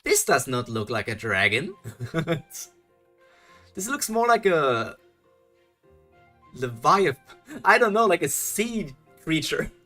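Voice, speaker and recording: Faint music sits behind a young German-accented man who takes things slowly and pauses often, his fairly high voice pushed and bright, with big swings in pitch. Reading a webtoon live, he chats loosely, thinks out loud, restarts, chuckles, and answers chat.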